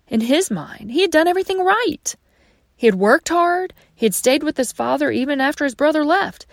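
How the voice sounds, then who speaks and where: A woman leads a devotional Bible study in a fairly high voice, recorded close and dry. She tells the story with feeling and sometimes drops to a soft hush. She talks straight to the listener as a friend. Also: no room sound. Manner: warm direct address to the listener as friend; expressive storytelling, dropping at times to a soft hush. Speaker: Bible teacher.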